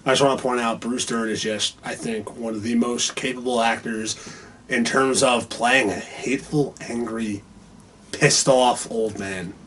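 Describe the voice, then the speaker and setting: A man's voice: mid-range voice, fairly even intonation, unhurried, fairly bright tone, a little hiss or hum. A man co-hosting a film review podcast, talking in a laid-back way and cutting in with short jokes. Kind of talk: casual film discussion.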